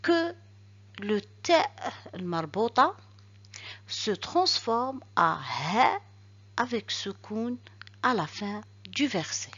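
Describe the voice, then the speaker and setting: A woman teaching a recorded reading lesson, explaining rules step by step and slowly repeating each example word. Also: medium pitch, sing-song, a bit bright, husky, dull audio. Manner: slow, careful, repeats examples syllable by syllable.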